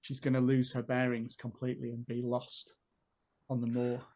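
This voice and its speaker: A man's voice: mid-range voice, completely flat delivery, normal speed, mellow. A man playing a tabletop role-playing game, thinking aloud as he builds the scene step by step. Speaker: player. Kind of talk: tabletop role-play storytelling.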